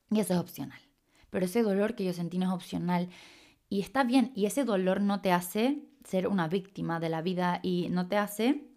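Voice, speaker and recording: A woman's voice: on the low side, darkish tone. A young woman, a life coach talking loosely through a reflective podcast monologue. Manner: casual, loose, full of "o sea" and "como" fillers.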